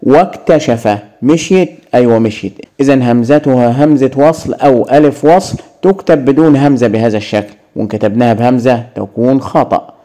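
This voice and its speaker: A man's voice: mid-range voice, fast, mellow. A man teaching an Arabic grammar lesson in an Egyptian accent, asking questions and answering them himself.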